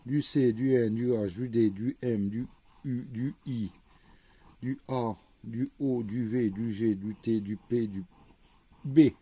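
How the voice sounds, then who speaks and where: Slow, dark-voiced man spelling letters. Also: medium pitch, fairly even intonation, husky. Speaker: scratch-card vlogger. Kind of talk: casual commentary while scratching tickets.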